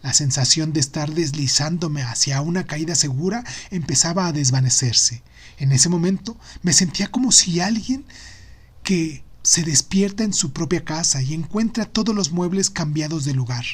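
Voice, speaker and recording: A man narrates literary fiction in a somewhat high male voice. His delivery is that of an expressive audiobook reader, following the prose of a first-person story. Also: normal speed, husky.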